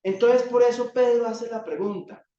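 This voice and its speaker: A man with a Colombian accent preaching a sermon, asking rhetorical questions and leaning on dramatic pauses. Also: extremely high pitch, steady tone, dark tone. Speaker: pastor. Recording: echoey hall, distant dull mic.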